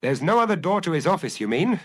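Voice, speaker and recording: A man voicing a shrewd priest detective who speaks quietly and reflectively. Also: a little high, very animated, quick pace, voice pushed up.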